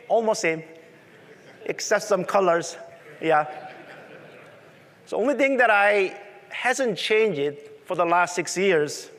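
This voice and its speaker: A man with a strong Korean accent and conversational non-native phrasing presents a technical talk at a conference in a large presentation room. His voice sits high with a fairly bright tone, and echoey hall reverb fills the recording.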